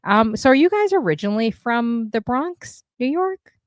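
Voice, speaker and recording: A woman's voice: fairly high pitch, very animated, moderate pace, no room sound, clean studio sound. A woman from Canada hosting a casual livestream talk show, chatty and upbeat, with lots of fillers.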